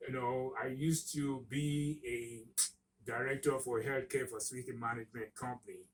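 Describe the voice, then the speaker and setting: A man's voice: mid-range voice, steady tone, far from the mic, slight background noise, rough recording. Man in his sixties, slightly off-mic. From Nigeria. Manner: unhurried, hesitant, with frequent fillers. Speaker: guest author. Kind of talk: radio interview. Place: radio studio. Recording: voice a little off-mic.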